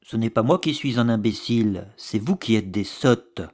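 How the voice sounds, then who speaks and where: A man's voice: lowish voice, lively intonation, normal speed, darkish tone, natural voice. A man voicing a brash, boastful young teenage boy who scorns everyone around him in an audiobook reading. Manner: scornful, blustering. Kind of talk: audiobook character voice.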